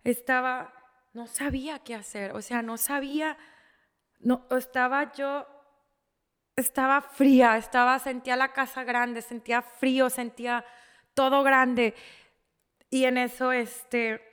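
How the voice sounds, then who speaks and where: A woman with a Mexican accent telling an emotional personal story, halting, with many restarts and repeated words. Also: high-pitched, fairly even intonation, a bit bright, clean tone, in a large hall.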